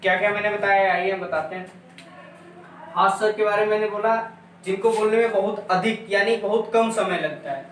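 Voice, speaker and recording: A man's voice: sits high, fairly even intonation, moderate pace, fairly bright tone, recorded from a distance. A male teacher giving an exam-prep lecture, repeating points and drilling sounds aloud for his students. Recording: echoey room, voice from afar, faint noise.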